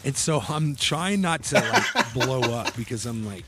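Man telling a lively story on a podcast. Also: mid-range voice, a little slow, loud music behind the voice. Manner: animated storyteller, acts out quotes with laughs. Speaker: podcast co-host. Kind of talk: casual storytelling chat.

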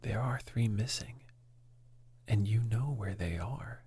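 A man's voice: lowish voice, slow pace, warm tone, full character voice. A man whispering as a furious old father. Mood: accusing. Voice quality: breathy whisper. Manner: furious, accusing. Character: older gentleman father, enraged and grieving. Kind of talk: whispered role-play.

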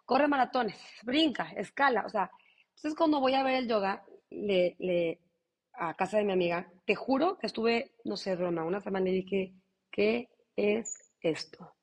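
A woman, a yoga teacher being interviewed, talking earnestly and animatedly and acting out her own thoughts. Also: mid-range voice. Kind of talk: candid conversational interview. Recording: long reverb.

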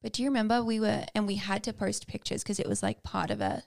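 Young woman with a gravelly edge. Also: mid-range voice, very animated, fast. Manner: candid, personal storytelling with fillers. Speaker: podcast co-host. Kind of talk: casual chat.

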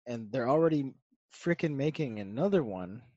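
A man's voice: medium pitch, animated, normal speed, dark tone, no room sound, lo-fi sound. A man co-hosting a casual podcast chat from a video call, blunt and opinionated. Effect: remote voice on a video call over an internet connection. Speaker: podcast co-host.

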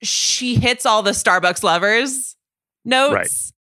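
A woman co-hosting a podcast, talking about songs in an animated, chatty way with many restarts. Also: a little high, slow, dry recording. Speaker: podcast co-host. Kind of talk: casual music discussion.

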